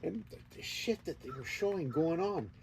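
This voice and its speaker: A man's voice: on the high side, animated, normal speed, vocal fry, low-quality recording. A man telling a meandering story in a laid-back, casual way. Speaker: host. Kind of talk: casual chat. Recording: faint background noise.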